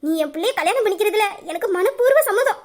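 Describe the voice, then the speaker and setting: A woman voicing a middle-aged mother who warmly accepts her future son-in-law, with a high voice and quick, emotional delivery. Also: expressive, very noisy. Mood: tender, grateful. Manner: emotional, tearful-happy, affectionate. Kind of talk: audio drama acting.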